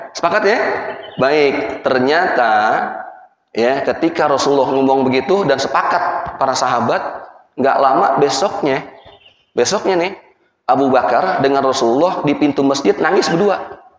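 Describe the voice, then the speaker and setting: Animated preacher in an echoing hall. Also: male voice, on the high side. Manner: storytelling with acted dialogue and asides to the audience. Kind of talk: lively religious lecture. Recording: echoey hall, muffled sound.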